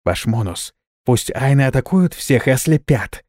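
A man's voice: mid-range voice, lively intonation, normal speed, darkish tone, no room sound, studio quality, close to an everyday voice. Figure: Ganga. Man voicing a stern warrior woman. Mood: urgent. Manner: curt, commanding. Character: stern female warrior noble, impatient.

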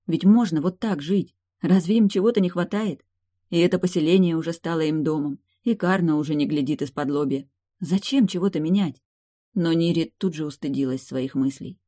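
An audiobook narrator reading a romance novel aloud in calm, even scripted storytelling. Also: medium pitch, no echo, clean studio sound.

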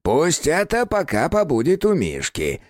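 A man voicing a grumpy, shaggy male house spirit with a creaky, grumbling voice. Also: fairly high pitch, huge pitch swings, measured pace, dry recording, clean studio sound, voice pushed up. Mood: explaining. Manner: grumbling, irritable.

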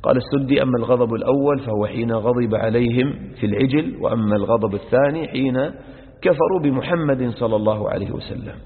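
A man's voice: medium pitch, fast talker. A male sheikh gives a religious lesson on Quran verses. He repeats each verse phrase and explains it word by word, and he speaks to his listeners as brothers. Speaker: sheikh teaching Quran exegesis. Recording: echoey hall over a narrow phone-like line.

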